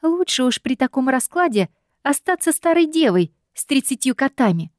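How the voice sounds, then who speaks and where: Woman doing a feisty young secretary, shrill, protesting, high-pitched, dry close sound. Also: very animated, moderate pace, no room sound.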